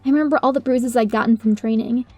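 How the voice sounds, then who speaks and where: A woman's voice: on the high side, fairly even intonation, fast, darkish tone, no echo. A woman reading a first-person story as its narrator, in a dramatic storytelling style. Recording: music under the voice.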